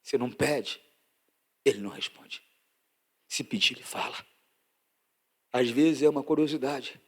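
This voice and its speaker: A pastor from Brazil preaching a sermon and sharing his testimony, emphatic and swinging from loud to hushed. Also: medium pitch, normal speed, husky.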